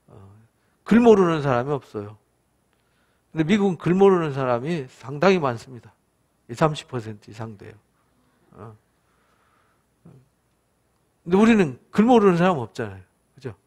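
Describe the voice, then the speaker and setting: A man with a rather high voice leads a Bible study as pastor. His talk is conversational. He keeps turning to his listeners for agreement and acts out the lines of the people in the story. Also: darkish tone.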